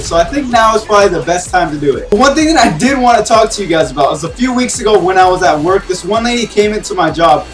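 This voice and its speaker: A young man tells a story casually, his voice sitting high. He rambles with "like" at every turn and sounds incredulous. He is off the mic in an echoing room. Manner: rambling, many "like" fillers, incredulous. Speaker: vlogger. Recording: roomy and distant, faint music.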